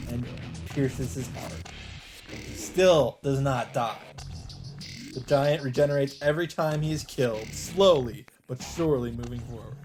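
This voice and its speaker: With a mid-range voice, a let's player reads a visual novel aloud in dramatic narration. He breaks off now and then for casual asides and exclamations.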